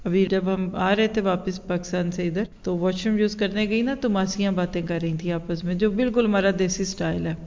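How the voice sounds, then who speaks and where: A woman's voice: lowish voice, fairly even intonation, few pauses, a little mellow. A woman giving an earnest religious lecture, asking her listeners rhetorical questions. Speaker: religious teacher. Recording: lo-fi sound in a reverberant hall.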